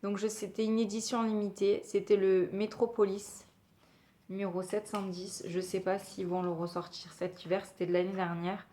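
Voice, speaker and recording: A woman's voice: mid-range voice, level tone, normal speed, dark tone. A woman talking casually as a beauty vlogger, chatty and hesitant with many fillers. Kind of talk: casual product review.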